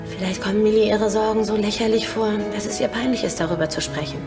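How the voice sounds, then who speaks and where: An actress playing a caring, insistent confidante in a TV drama, speaking earnestly and practically. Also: female voice, mid-range voice, quick pace, close to an everyday voice. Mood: reassuring. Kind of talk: TV drama acting. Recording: clear music bed under dialogue.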